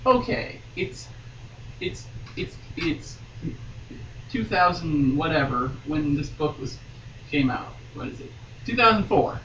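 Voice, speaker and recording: Here a woman with a low, somewhat bright voice and lively intonation reads a romance novel dramatically as a podcast guest, taking it slowly with long pauses. She interrupts herself for playful, mock-dramatic asides. The audio is dull and roomy, picked up by a far-off mic with faint background noise.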